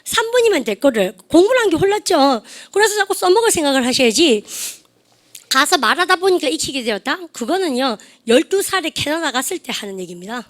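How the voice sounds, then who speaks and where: A middle-aged woman teaching English to a classroom of adults, lively and teasing, firing quick questions at her students. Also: high-pitched. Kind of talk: classroom lecture.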